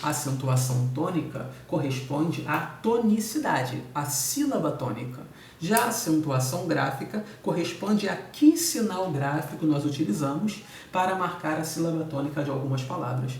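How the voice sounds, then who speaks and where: A Brazilian man with a Brazilian Portuguese accent teaches a recorded lesson, explaining each point in order and checking in after each with "tudo bem?" and "tá?". His animated, darkish voice sits a little high for a man, at normal speed. He is off-mic in an echoey room, heard from a distance over faint background noise.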